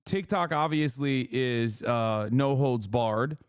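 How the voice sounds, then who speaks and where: A man's voice: mid-range voice, takes it slowly, clean tone, dry recording, clean studio sound. A man hosting a livestream, reacting to clips in profane, incredulous rants. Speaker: livestream host. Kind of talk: casual streaming commentary.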